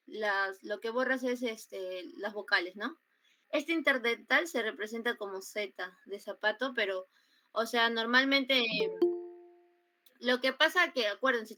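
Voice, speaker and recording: A young woman with a Peruvian Spanish accent giving an online grammar class, explaining slowly with many fillers and repetitions over a computer mic. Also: fairly high pitch, bright, forceful tone. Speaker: student tutor teaching grammar. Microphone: computer mic on a video call.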